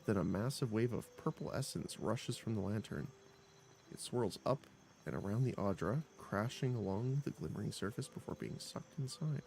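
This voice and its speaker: A man streaming a role-playing game, reading its text aloud with expressive narration and quick reactions. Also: fairly low pitch, vocal fry, a little hiss or hum. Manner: expressive narration broken by laughs and small exclamations. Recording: voice over game music.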